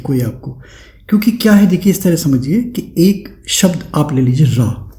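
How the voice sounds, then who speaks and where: Slow-explaining spiritual teacher, mellow echoey voice. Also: male voice, on the high side. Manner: explanatory, repeats tag "है ना", demonstrates chanting. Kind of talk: spiritual discourse with demonstrations.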